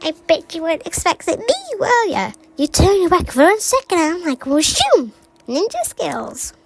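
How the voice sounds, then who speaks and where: A little animatronic frog from a video game, cocky and hyper, played by a woman. The voice sits high with a creaky edge. Every phrase comes out as a playful, exclaimed boast. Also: big pitch swings, moderate pace, heavily acted. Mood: cocky, excited. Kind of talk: fan recital of game voice lines.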